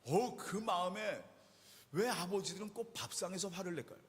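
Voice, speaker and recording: A male pastor preaching a sermon, telling the story in an animated way with rhetorical questions to the congregation. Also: high voice, normal speed. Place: church sanctuary. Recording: reverberant church hall.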